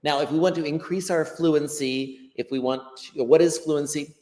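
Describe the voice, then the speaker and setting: Speaking unscripted over a video call, a guest teacher from the United States with a Western American accent lays out his ideas thoughtfully, often repeating words as he gathers his thoughts. His voice is a little high and mellow, with fairly even intonation and a moderate pace. The recording has a long, hall-like reverb.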